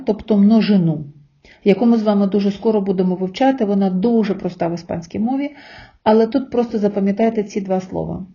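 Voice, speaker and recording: A woman's voice: medium pitch, mellow. Patient woman teaching, dull lo-fi sound. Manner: slow, patient explaining with pauses for repetition. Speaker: Spanish teacher. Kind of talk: recorded language lesson.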